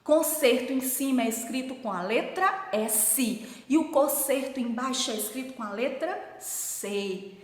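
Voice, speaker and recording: A woman's voice: sits high, animated. Woman teacher in an echoey room. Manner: slow and deliberate, repeats points, asks the class to repeat after her. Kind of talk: grammar lesson for children. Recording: echoey room with long reverb.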